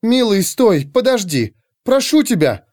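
Man voicing a young noblewoman, frightened, trembling, pleading, raised pitch, audiobook. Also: very animated, unhurried, darkish tone, dry recording, clean studio sound. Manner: trembling, begging.

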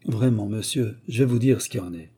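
A talkative, excitable valet spins out his story in endless detail, as a man reads him aloud. The voice is dark and husky, the delivery rambling and eager, straight from a storybook reading. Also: on the low side, brisk. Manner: long-winded, excitable storytelling. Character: chatty rambling male servant, a bruised valet. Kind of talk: audiobook character reading.

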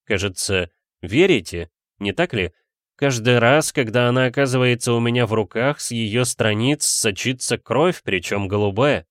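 A man voicing a confident, shameless gentleman police detective who speaks with poised irony. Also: medium pitch, animated, moderate pace, no room sound, clean studio sound, lightly acted. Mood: wry.

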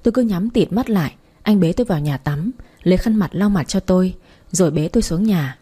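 Husky woman reading a story. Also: fairly low pitch, expressive, brisk, dark tone. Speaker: narrator. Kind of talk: first-person story reading.

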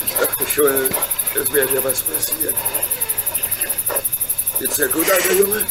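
A man's voice: fairly high pitch, slow. A man playing a burly, kindly, fatherly locomotive engineer in a German radio play, earnest and comradely in manner. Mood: frantic, then relieved. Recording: noisy recording with cricket chirps behind. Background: chirping crickets, night ambience.

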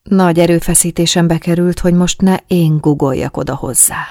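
A woman reading a first-person story aloud as an audiobook, in a calm, soft, intimate manner. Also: on the low side, dry recording, studio quality. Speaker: audiobook narrator. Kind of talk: first-person scripted narration of an erotic story.

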